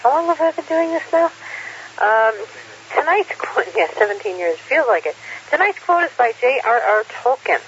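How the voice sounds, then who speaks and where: A woman's voice: high-pitched, big pitch swings, normal speed. A woman presenting a regular amateur radio segment, reading out quotes and history items through radio static. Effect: radio transmission with static. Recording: hissy, muffled radio with static.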